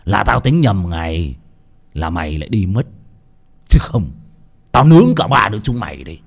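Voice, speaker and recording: Guy doing a mean thug, gravelly low growl, cold, taunting, lots of swing in the voice. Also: animated, a little slow, a little mellow, dry recording, full character voice. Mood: menacing. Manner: sneering, threatening low growl. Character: brutal male thug, cold and gloating.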